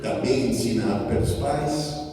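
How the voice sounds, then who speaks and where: A man's voice: medium pitch, a little slow, warm tone, slight background noise. A priest giving a reflective homily, speaking directly to his congregation in a church. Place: church with a sacristy. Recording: echoey church from far off.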